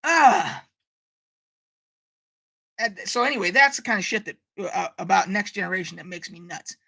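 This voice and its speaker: A woman's voice: lowish voice, quick pace, gravelly, pushed and bright. A woman hosting a casual live stream, ranting animatedly, swearing freely and reading out viewer comments. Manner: reads out viewer chat comments.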